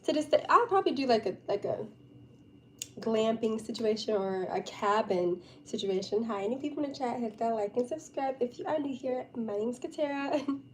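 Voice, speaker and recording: A woman's voice: a little high, moderate pace. A young woman live streamer chatting casually and informally with her viewers, with a giggly, chatty manner. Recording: steady background noise.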